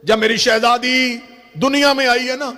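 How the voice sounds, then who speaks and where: A man preaching a lament from the pulpit in Urdu with a Pakistani accent, wailing and chanting, his voice rising to strained shouts. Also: very high-pitched, steady tone. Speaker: Shia preacher reciting a lament. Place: gathering hall from the pulpit.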